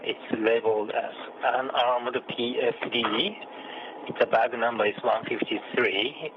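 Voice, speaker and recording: A man's voice: mid-range voice, fairly even intonation. Man on breaking-up space radio. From Japan. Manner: halting, measured, frequent pauses. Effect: space-to-ground radio link, breaking up. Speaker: astronaut. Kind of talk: procedural radio callouts. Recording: muffled noisy radio downlink.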